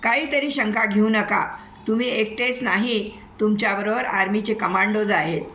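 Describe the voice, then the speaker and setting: A woman's voice: medium pitch, moderate pace, sharp tone, slight background noise. Brief: bossy storybook station chief barking orders; a woman puts him on. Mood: commanding. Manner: commanding, scolding. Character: stern male railway boss barking orders.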